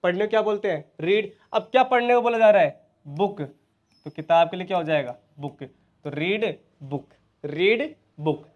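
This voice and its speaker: A man's voice: high voice, animated, normal speed, highs cut off. A man with a Hindi accent teaching an English lesson, asking his students questions and answering them himself.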